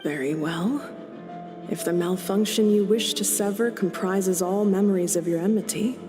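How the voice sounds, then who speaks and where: A woman voicing a calm, earnest young traveler in a video game, speaking in a measured way. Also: mid-range voice, close to an everyday voice. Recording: game audio with long reverb. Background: game music.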